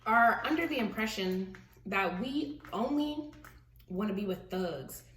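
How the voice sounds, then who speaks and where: Young woman, animated casual chat, channel host, distant mic, roomy echo. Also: mid-range voice, unhurried. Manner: giggly, animated, talks through laughter. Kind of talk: casual chat over a mukbang. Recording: echoey room, distant mic, faint hiss.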